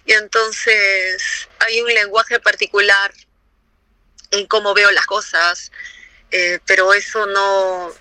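A woman's voice: medium pitch, little pitch movement, takes it slowly, bright, forceful tone, dry recording, low-quality recording. A woman guest talking in a casual, modest way and laughing easily. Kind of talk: casual chat.

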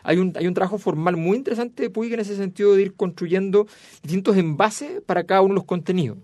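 A man's voice: sits high, fast talker, no room sound. A man in casual literary discussion, explaining a novel's formal devices and reading a passage aloud. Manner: reads a dialogue passage aloud softly. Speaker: book club discussant.

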